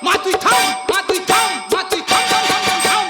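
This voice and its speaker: A man playing a hot-tempered, quarrelsome village husband and uncle in a comic folk play, loud and blustering. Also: extremely high pitch, animated, quick pace. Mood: pleading. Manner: loud, blustering, prone to shouting. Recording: loud folk music behind.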